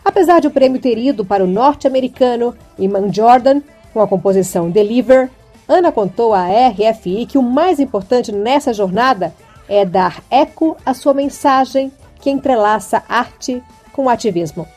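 Brief: woman news correspondent, mellow and fairly high voice, formal scripted read over faint music. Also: expressive. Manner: measured, formal delivery.

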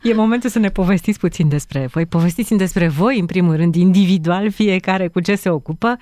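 A woman's voice: lowish voice, mellow, dry recording. A woman hosting a live radio interview, speaking into a studio microphone. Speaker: radio host.

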